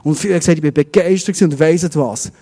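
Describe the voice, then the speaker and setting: A man's voice: on the high side, very fast, dark tone, in a large hall. A middle-aged man preaching a sermon as pastor in a Swiss German accent, posing one rhetorical question after another.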